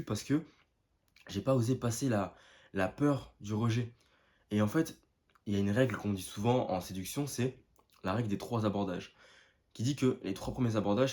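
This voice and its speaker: A young man telling a story to his viewers in a casual vlog, excited and full of slang, often calling out to "the guys". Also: fairly low pitch. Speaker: vlogger.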